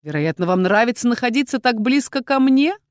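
A woman voicing a sardonic male dragon inquisitor who speaks in a slow, low, mocking drawl. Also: expressive, no echo, clean studio sound, close to an everyday voice. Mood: sarcastic.

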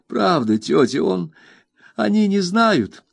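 A man's voice: sing-song, slow pace, vocal fry, slightly rough, no echo, clean studio sound, heavily acted. A man voicing a tearful, remorseful young woman who pleads between sobs. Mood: sobbing plea. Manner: sobbing, high-strung pleading.

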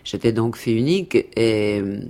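An actress casually recalling her childhood in a relaxed, slow way, with hesitant fillers. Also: rumbling low. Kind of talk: casual spoken childhood memories.

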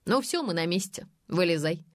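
A mocking male friend, read by a woman, teases with a lively, bouncing voice. The reading is dry and close to the mic. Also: fairly low pitch, normal speed, no echo, natural voice. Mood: teasing. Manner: teasing and mocking.

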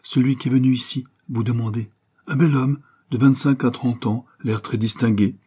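A man reading an audiobook, voicing a voluble, kindly older woman who runs a boarding house, gushing and effusive with breathy asides. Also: medium pitch, steady tone, normal speed, mellow, voice pushed up, natural voice. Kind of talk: audiobook character voice.

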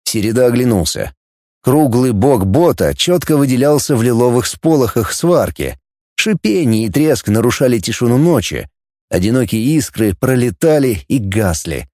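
A man narrating an audiobook in an expressive, lively reading. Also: mid-range voice, moderate pace, no echo, clean studio sound. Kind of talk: scripted narration.

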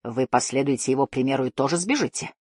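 A woman's voice: rumbling low, quick pace, darkish tone, breathy edge, no room sound, studio quality. Woman voicing a sly, cold old guardian. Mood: cold mocking. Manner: hissing, drawling, menacing.

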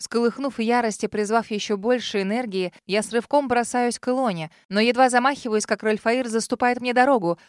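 A woman narrating a first-person fantasy audiobook in a dramatic, expressive way. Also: fairly high pitch, fairly quick, hardly any pauses, no echo, clean studio sound.

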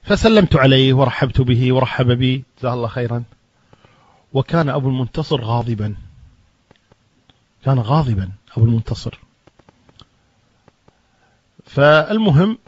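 A Kuwaiti Islamic preacher tells a story during a talk, his mid-range voice plainly recounting events and acting out the quoted dialogue with rising emphasis. The lo-fi recording sounds dull, with no room sound.

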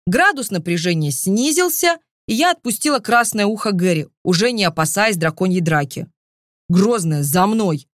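Lively woman reading a fantasy audiobook. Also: mid-range voice, moderate pace, few pauses, no room sound, clean studio sound. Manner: lively, expressive storytelling. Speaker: audiobook narrator. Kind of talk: first-person fantasy audiobook narration.

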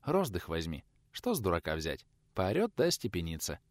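A man voicing a calm wife who speaks softly and soothingly. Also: medium pitch, brisk, no room sound, studio quality, pitched above the performer's own voice, lightly acted. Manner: soft, soothing, gentle.

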